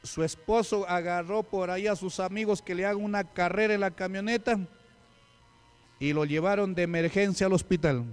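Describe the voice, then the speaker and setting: Male preacher, fairly high voice, storytelling sermon, faint music underneath. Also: clear, resonant tone. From Peru. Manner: storytelling with acted quotes and questions to the congregation.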